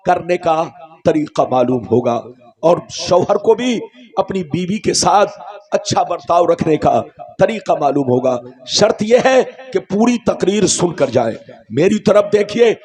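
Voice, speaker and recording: A male preacher giving a rousing, declamatory sermon with repeated refrains, calls to the crowd, sudden shouts and sung lines. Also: high voice. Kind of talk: Urdu religious sermon.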